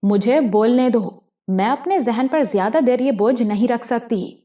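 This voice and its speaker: A desperate young woman trapped in a gang, voiced by a woman reading an audiobook. Her mellow, somewhat high voice trembles between tears and frantic outbursts. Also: natural voice. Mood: tearful. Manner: tearful, then screaming in a frenzy.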